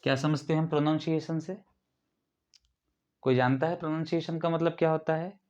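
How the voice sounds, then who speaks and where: A man's voice: on the high side, little pitch movement, normal speed, darkish tone, highs cut off. A male instructor from India giving a classroom lecture, explaining step by step and asking the class questions. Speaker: ITI instructor.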